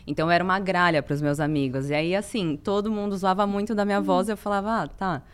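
A woman's voice: on the low side, fairly even intonation, quick pace, clear, resonant tone. A young Brazilian woman hosting a casual podcast chat, bubbly and affectionate. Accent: Brazilian Portuguese. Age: young adult. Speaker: podcast host.

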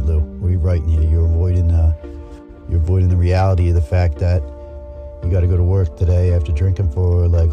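A man's voice: deep voice, close to an everyday voice. A man playing a tired married factory worker who mutters and rambles through his journal entries in a comedy voice-over. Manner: rambling, muttering, wry self-talk. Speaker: journal writer. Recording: muffled lo-fi with music behind.

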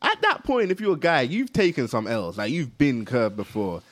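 Young guy hosting a chat podcast, animated storyteller, dry close sound. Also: mid-range voice, normal speed, no echo. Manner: animated storyteller, laughs through anecdotes. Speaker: podcast host. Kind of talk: casual chat.

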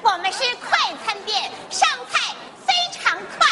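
Chirpy fawning restaurant boss lady, very high and bouncy, loud noise over the recording. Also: big pitch swings, moderate pace. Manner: chirpy, fawning sales patter. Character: eager fawning female restaurant owner.

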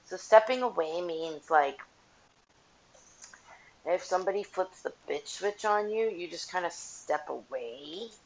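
A blunt, frank woman hosts a podcast while doing her dishes, her low, gravelly voice coming through a headset mic. The recording has a dull, tinny, metallic tin-can sound. A faint clatter of dishes runs underneath her talk. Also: animated, measured pace, slight background noise. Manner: blunt and profane, frank opinions. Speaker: podcast host. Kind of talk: casual solo podcast chat. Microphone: headphones with mic.

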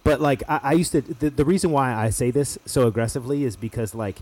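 A man's voice: medium pitch, fast, darkish tone. A man with an American accent chatting casually as a chef, emphatic and slangy with plenty of swearing. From United States. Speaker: chef making cooking videos. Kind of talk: casual podcast-style chat.

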